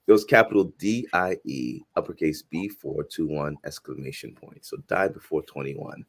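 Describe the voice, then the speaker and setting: A man in his forties, originally from Haiti, speaks in a very low voice. He talks earnestly and thoughtfully as an interview guest, often starting a phrase over before finishing it. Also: normal speed. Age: 40s. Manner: earnest, reflective, frequent restarts. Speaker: guest filmmaker and professor. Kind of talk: casual interview conversation.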